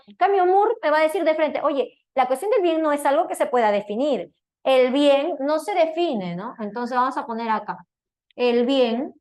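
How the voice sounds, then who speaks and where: A high-voiced woman gives a philosophy lecture in a classroom. She talks in a chatty, loose way and keeps checking in with her students through tag questions. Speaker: philosophy teacher.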